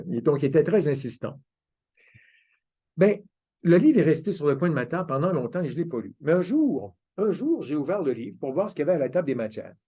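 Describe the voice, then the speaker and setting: A man's voice: fairly high pitch, sing-song, fairly quick, dark tone, breathy edge. An older man, giving a conference talk as a self-mocking, anecdotal storyteller. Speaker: conference speaker. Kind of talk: storytelling lecture.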